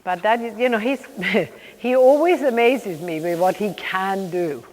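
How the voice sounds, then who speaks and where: Brisk woman riding coach in an echoey hall. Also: medium pitch, darkish tone. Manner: brisk, projected riding commands in short repeated phrases; directive, interspersed with brief praise. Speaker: riding clinician coaching horse and rider. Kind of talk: live riding instruction.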